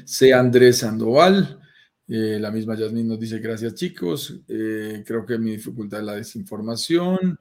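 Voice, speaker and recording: A man's voice: lowish voice, a little mellow. A man co-hosting a live stream, answering viewer questions and reading out names. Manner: explains quickly, reads out viewer names. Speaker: co-host of a real estate investment live stream.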